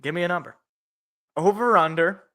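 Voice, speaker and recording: This man in his twenties co-hosts a sports podcast's live football reaction stream, calling plays and joking with viewers at his own expense. His voice sits high, comes out pushed and bright, and moves at a normal speed.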